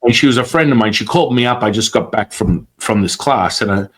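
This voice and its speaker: A man, a guest on the show, telling a story in casual talk, animated and quick to act out quotes, with frequent swearing. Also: on the low side.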